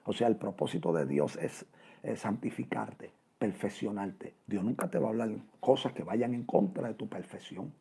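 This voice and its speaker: A man's gravelly, deeply husky voice, dark in tone, preaching a fervent radio sermon. He speaks, calling out "amén" and "gloria al Señor" between phrases. He addresses his listeners directly as "hermano". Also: moderate pace.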